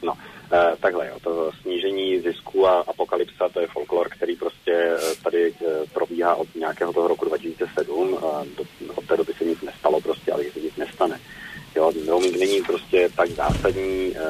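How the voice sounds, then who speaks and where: A man's voice: sits low, level tone, a little mellow, low-quality recording. A man speaking as a telecom regulator in a news interview, explaining at length with many hesitations and fillers.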